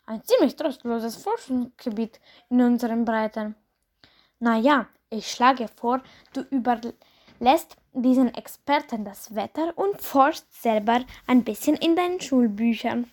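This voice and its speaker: A woman's voice: on the high side, lively intonation, a little slow, a little mellow. A woman voicing a stern, sarcastic father who grumbles and mocks in a storybook reading. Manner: grumbling, mocking.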